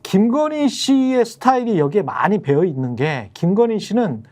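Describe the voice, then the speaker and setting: A man's voice: high-pitched, big pitch swings, normal speed, a little mellow. A man on a political talk show, telling firsthand anecdotes in an emphatic, conversational way. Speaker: political panelist.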